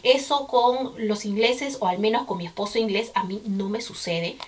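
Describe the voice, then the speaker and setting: A woman's voice: mid-range voice, moderate pace, a little mellow. A Peruvian woman in her thirties with a Peruvian Spanish accent, chatting casually to camera as a vlogger and repeating words for emphasis. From Peru.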